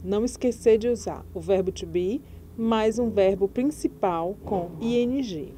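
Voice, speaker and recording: A woman gives an English grammar lesson at a slow, unhurried pace. Her voice has a mellow, darker tone. She explains each rule patiently and spells out letters one by one. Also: medium pitch, a little hiss or hum. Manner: patient, spells out letters and repeats example words slowly. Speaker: English teacher.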